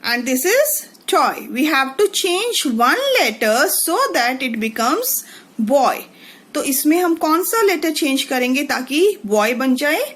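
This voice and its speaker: A woman's voice: sits high, expressive, drawn-out words, a bit bright. A woman teaching young children the alphabet, in a sing-song voice, spelling words out letter by letter. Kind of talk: children's lesson, mixing English and Hindi.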